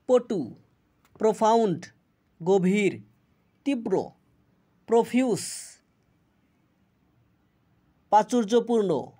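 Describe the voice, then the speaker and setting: A teacher reads out a vocabulary list at an extremely slow, measured pace, pausing after every single word. The pitch sits in a middle range. Now and then a word is started over and said again more carefully. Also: mellow. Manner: slow, deliberate word-by-word reading with self-corrections. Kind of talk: reading word lists with meanings.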